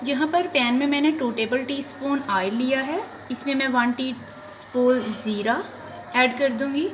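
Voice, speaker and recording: A woman's voice: high voice, measured pace, noisy background. A woman with a Pakistani Urdu accent hosting a cooking channel, politely talking through a recipe step by step in a kitchen. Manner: polite, methodical, lists quantities step by step. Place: kitchen at the stove. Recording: frying and sizzling behind the voice. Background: sizzling oil and stirring.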